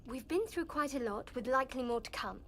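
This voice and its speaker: An actress playing a guarded, pragmatic adventurer in a fantasy game, cool and curt. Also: female voice, high-pitched, animated, fairly quick, a little hiss or hum. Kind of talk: video game character dialogue.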